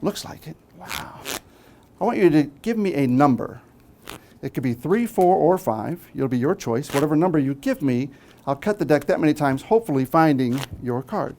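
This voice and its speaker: A man's voice: a little high, lively intonation, normal speed, darkish tone, a little hiss or hum. A man performing as a stage magician, giving live patter to an audience, teasing volunteers playfully and tagging questions onto his phrases. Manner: frequent tag questions. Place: small theatre stage before a live audience.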